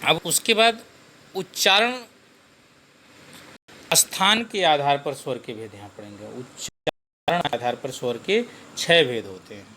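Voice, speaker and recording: A man giving a Hindi grammar lesson, slow and repetitive, posing questions to the class and answering them himself. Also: fairly high pitch, lively intonation, pushed and bright, a little hiss or hum.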